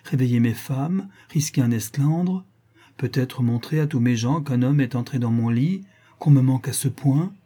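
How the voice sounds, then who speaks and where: A man's voice: mid-range voice, animated, moderate pace, dark tone, husky. A man voicing a teasing, flustered noble lady in a storybook reading, coaxing and scolding by turns.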